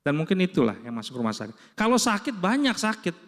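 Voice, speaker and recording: A man's voice: high-pitched, sing-song, fast, a bit bright, long reverb tail. A man preaching and telling a personal story, acting out the voices of others as he goes. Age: adult with children. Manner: storytelling, acts out quoted dialogue. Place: church hall.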